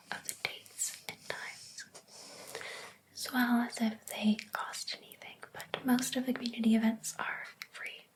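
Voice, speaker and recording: A woman whispering slowly and breathily in a soft ASMR whispered role-play as a gentle, helpful librarian. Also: on the high side. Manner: slow, gentle, hushed.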